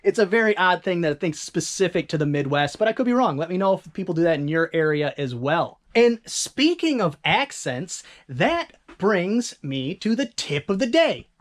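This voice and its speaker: Big pitch swings mark this mid-range voice of an eBay reseller vlogger from Northern Michigan. Their accent is local, and they chat casually and ramble, fixing slips with quick asides.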